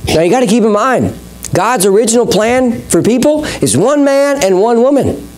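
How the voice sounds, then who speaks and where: A man's voice: very high voice, lively intonation, normal speed, darkish tone. A male pastor preaching a sermon in an earnest, conversational way with touches of light humor, speaking to a church congregation. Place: church service.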